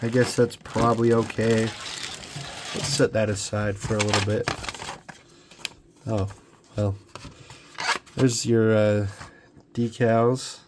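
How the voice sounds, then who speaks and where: A young man who builds scale models chats casually through an unboxing at his home hobby workbench, sounding congested from a cold. His voice is lowish and he takes it slowly, pausing often, relaxed and rambling with plenty of ums and restarts. There's noise in the background.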